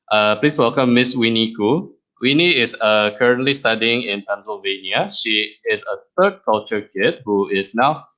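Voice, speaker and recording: A man hosting and interviewing a guest on his own podcast, chatty and quick to laugh. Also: lowish voice, a bit bright, low-quality recording. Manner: friendly, chatty, laughs easily. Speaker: podcast host and creator. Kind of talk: casual interview chat.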